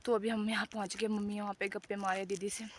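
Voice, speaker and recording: A woman's voice: medium pitch, flat delivery, fast, a crowd in the background. A young woman vlogging casually in a rambling, chatty way while she walks a hill path outdoors. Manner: chatty and rambling, talks while walking uphill. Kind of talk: casual walking vlog.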